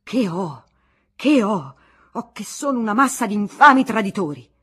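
A woman's voice: medium pitch, big pitch swings, normal speed, breathy edge. A woman doing a furious, outraged man. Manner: shouting, outraged. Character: exasperated middle-aged man, indignant politician.

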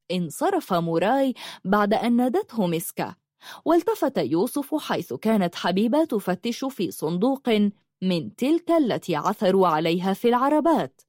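A woman narrating a novel as an expressive audiobook reader. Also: mid-range voice, no echo, studio quality. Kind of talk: scripted narration.

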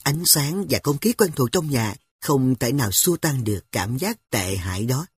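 A storyteller reading a first-person audiobook in a lively way. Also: medium pitch, normal speed, husky, no echo. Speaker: narrator. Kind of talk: audiobook narration.

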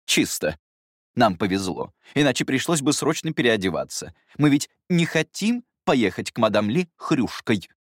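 A man voicing a strict woman nanny who speaks in a stern, brisk, instructive way. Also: mid-range voice, very animated, no echo, clean studio sound, voice pushed up. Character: strict adult female nanny.

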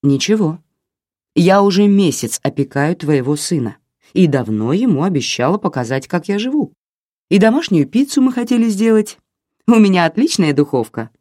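Reader doing a calm sly young woman, firm, a bit mocking, bouncy pitch, dry sound. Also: normal speed, no echo. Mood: teasing. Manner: calm, firm commands and light teasing.

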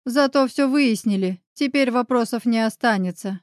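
A woman's voice: fairly high pitch, moderate pace, no room sound, studio quality, close to an everyday voice. A woman voicing a brash, sarcastic male lawyer friend in an audiobook. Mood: friendly. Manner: mocking, ironic.

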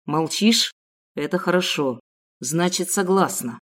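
A woman voicing a rough, menacing male kidnapper who growls his threats. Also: on the low side, measured pace, pitched below the performer's own voice.

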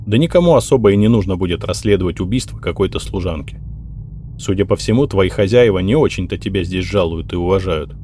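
A man's voice: sits low, lively intonation, fast talker, warm tone, slight background noise. A man voicing a cold, threatening young male mage who speaks in a clipped, commanding way.

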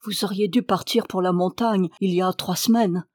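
A woman reading the part of a shaken young male officer who speaks in a hushed, trembling voice in a storybook. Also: fairly low pitch, fairly even intonation, normal speed, no room sound, close to an everyday voice. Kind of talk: audiobook character reading.

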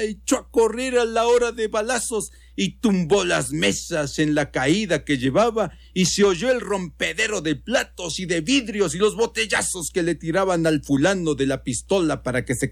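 Mexican male storyteller, conversational radio reading, slightly high voice. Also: creaky, dry recording, studio quality.

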